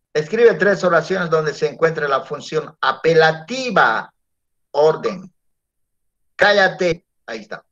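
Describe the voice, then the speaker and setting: In a dull, lo-fi classroom recording, a man lectures in a fairly bright voice on the high side. He keeps checking in with his students using tag questions.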